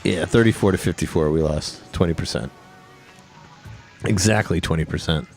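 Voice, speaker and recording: A man with a very deep, low-pitched voice banters bluntly with his co-host during a video game session. He swears freely and jokes about his progress in the game. Game music plays faintly behind him. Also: moderate pace. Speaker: podcast co-host and editor. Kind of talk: casual chat while playing a video game.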